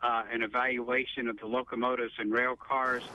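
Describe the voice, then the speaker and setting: A man speaking as a company spokesman in a news interview, measured and official, with many fillers. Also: medium pitch, flat delivery, lo-fi sound. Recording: on-location outdoor noise.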